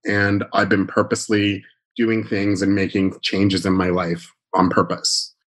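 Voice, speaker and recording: A man from Canada, talking through his life as a podcast guest in a reflective, chatty way, often correcting himself mid-sentence. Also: fairly low pitch. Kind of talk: relaxed conversational interview.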